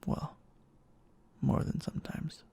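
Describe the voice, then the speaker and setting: This man plays a lovestruck, obsessive, clingy boyfriend for an ASMR roleplay, using his natural, dark-toned voice. Breathy and frequently near a whisper, he halts between tender endearments, anxious, apologetic and begging.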